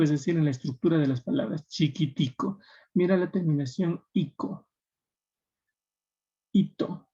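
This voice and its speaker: A man with a Peruvian Spanish accent lectures his students in a husky, mellow voice, explaining step by step. He keeps checking that they follow him, and the recording is dull and lo-fi. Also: fairly high pitch. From Peru. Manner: explanatory, checking in with tag questions. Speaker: teacher. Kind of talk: classroom lecture.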